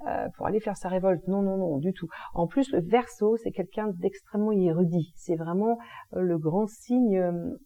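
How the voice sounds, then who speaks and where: A woman's voice: mid-range voice, normal speed, dark tone. A woman explaining astrology in a casual, chatty monologue, using informal slangy expressions. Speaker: energy healing and astrology presenter.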